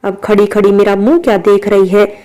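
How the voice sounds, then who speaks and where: A harsh middle-aged aunt voiced by a woman narrator barks taunts in this storybook tale. The voice is smooth and clear, with a mellow, dark tone. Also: mid-range voice, level tone, moderate pace, close to an everyday voice. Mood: angry scolding. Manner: shouting, taunting. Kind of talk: storybook reading.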